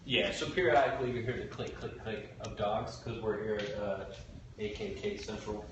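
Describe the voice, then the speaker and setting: A man's voice: fairly low pitch, normal speed, distant mic, dull audio. Man co-host, joking and easygoing, off-mic, noisy roomy space. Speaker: podcast co-host. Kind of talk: casual chat. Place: workshop at a rural property.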